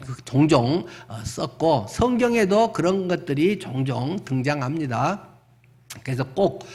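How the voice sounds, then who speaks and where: A middle-aged male pastor giving a sermon in a conversational way, acting out little everyday exchanges. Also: high voice. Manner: conversational preaching with acted-out everyday dialogue.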